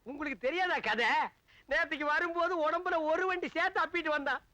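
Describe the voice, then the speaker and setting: A fussy comic busybody, bright. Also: male voice, very high-pitched, brisk, no echo, heavily acted. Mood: fussy, rambling. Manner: rambling, fussy comic patter with sly asides. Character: fussy, flirty comic middle-aged man. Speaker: comic side character. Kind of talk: 1990s Tamil film comedy acting.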